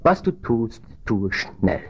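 A man preaching a sermon in earnest, dropping low and quiet, then rising loud and high for emphasis. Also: sing-song, slow pace, breathy edge.

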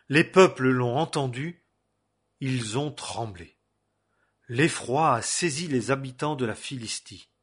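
A man reads scripture aloud in a measured, solemn narration. He takes his time, leaving long pauses between phrases. His voice has a slightly husky, breathy grain. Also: medium pitch, a bit bright. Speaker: scripture reader.

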